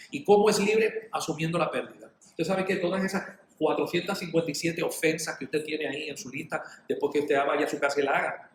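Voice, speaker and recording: Animated preacher with a higher voice. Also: male voice, slight background noise. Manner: animated, acts out little dialogues. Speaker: pastor. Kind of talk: sermon. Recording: echoey room.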